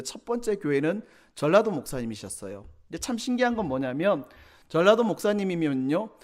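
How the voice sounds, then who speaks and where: A male pastor preaching a Sunday sermon to young adults, teasing the congregation with questions and acting out quoted church members in changed voices. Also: fairly high pitch. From Korea. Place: church sanctuary.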